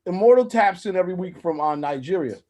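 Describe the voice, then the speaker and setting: Host: easygoing man on a video call, fairly high voice, relaxed delivery. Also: fast talker, background noise. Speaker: podcast host. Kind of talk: casual podcast chat.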